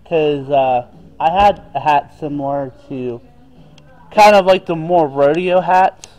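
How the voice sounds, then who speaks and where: A man's voice: a little high, slow, a little mellow, poor audio. Male vlogger customer, unsure, meandering questions, faint in-store music. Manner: hesitant, rambling questions. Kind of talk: casual chat. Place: large western wear store, indoors.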